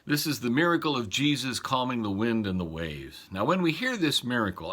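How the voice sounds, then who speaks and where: A man's voice: mid-range voice, pushed and bright. A man serving as pastor, reading scripture and reflecting on it aloud in a thoughtful, wondering way. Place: church.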